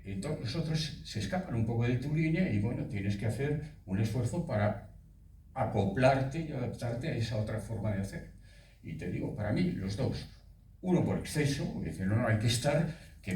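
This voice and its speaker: A man in his eighties, a voice actor telling stories at a festival talk in a relaxed way. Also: mid-range voice, normal speed, a little hiss or hum. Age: 80s. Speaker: voice actor guest. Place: festival hall. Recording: echoey hall, speaker far from mic.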